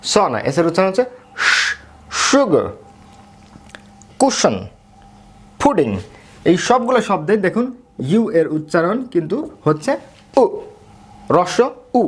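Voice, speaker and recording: A man with a Bangladeshi accent leads a pronunciation lesson, drilling example words one by one and repeating them with emphasis. His voice is very lively, swinging widely in pitch as he stresses each sound. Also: fast talker. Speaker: English pronunciation teacher.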